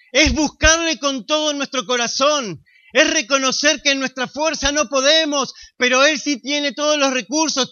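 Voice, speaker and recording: A man preaching a sermon in a Rioplatense accent, slow and emphatic with dramatic pauses. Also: extremely high pitch, sharp tone. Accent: Rioplatense Spanish. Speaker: pastor. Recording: slightly dull lo-fi sound.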